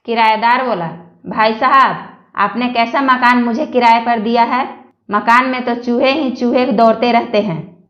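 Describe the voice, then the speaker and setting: Woman, joke reader, high voice, slow delivery, echoey room. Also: fairly even intonation, fairly bright tone, muffled recording. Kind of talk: reading Hindi jokes aloud.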